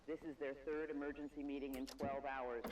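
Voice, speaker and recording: A man voicing a grave male radio news anchor, reading an emergency broadcast in a measured, solemn way. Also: medium pitch, flat delivery, lightly acted. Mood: urgent. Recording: distant, noisy broadcast audio.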